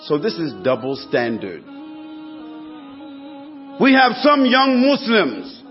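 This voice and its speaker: A man's voice: a little high, wildly swooping pitch, takes it slowly. A man preaching a sermon to a congregation, building his points through emphatic repetition. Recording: dull lo-fi recording with faint music.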